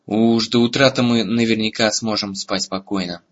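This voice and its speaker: A man's voice: fairly low pitch, steady tone, moderate pace, highs cut off, close to an everyday voice. A man doing an earnest young dragon rider.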